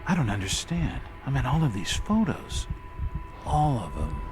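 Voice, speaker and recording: A man's voice: mid-range voice, big pitch swings, moderate pace, background noise, natural voice. An actor playing a troubled detective in a video game, muttering to himself in an agitated, unhinged way as his sanity slips. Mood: unhinged, bewildered.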